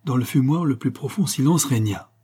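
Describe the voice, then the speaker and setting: Husky, warm-voiced male narrator. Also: mid-range voice, brisk. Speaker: audiobook narrator. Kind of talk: reading a novel aloud.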